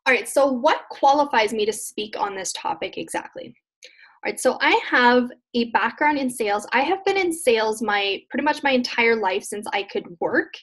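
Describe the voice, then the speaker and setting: A woman's voice: on the high side, expressive, moderate pace, a bit bright. A young adult woman presenting a casual webinar as a business coach, chatty and earnest with loose, repetitive phrasing.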